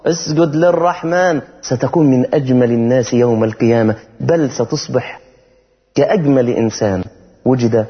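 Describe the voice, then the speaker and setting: A man preaching with an Egyptian Arabic accent, talking casually and lively, then slowing down to chant verses in a melodic tone. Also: medium pitch. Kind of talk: sermon. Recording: dull sound with long hall reverb.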